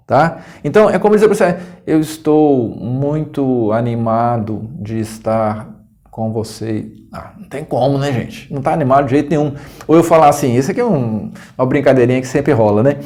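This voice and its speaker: A man's voice: on the high side, a little mellow. A man with a Brazilian Portuguese accent teaching a casual video lesson on communication. He talks conversationally, keeps adding little check-in questions, and breaks into short acted tones of voice. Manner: conversational, tag questions, acts out tones of voice with laughs. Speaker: coach and educator. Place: indoors, room with scouting decor corner.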